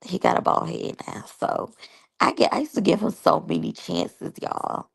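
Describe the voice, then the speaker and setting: Chatting directly with her viewers, a woman in her thirties reviews a reality show and tells personal stories in a candid way. Her fairly low, gravelly voice has a breathy edge, swoops wildly in pitch, and keeps a moderate pace.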